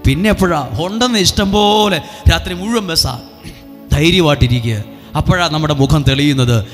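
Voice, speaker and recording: A priest leading a revival sermon, coaxing the crowd with repeated call-and-response lines. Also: male voice, a little high, moderate pace, long reverb tail, faint music behind. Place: retreat centre hall.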